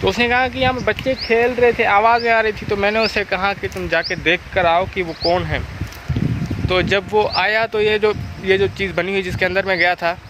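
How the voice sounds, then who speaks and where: Male vlogger, high voice, casual on-location storytelling over clear outdoor noise. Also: fairly even intonation, moderate pace. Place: windy open village land. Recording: noisy outdoor location sound.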